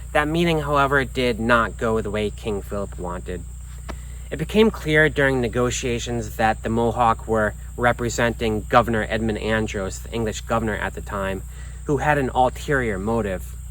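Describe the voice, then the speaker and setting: A man's voice: medium pitch, fairly bright tone, slight background noise, rough recording. A man vlogging outdoors at historic sites, explaining history in an earnest, informal way. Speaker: travel vlogger.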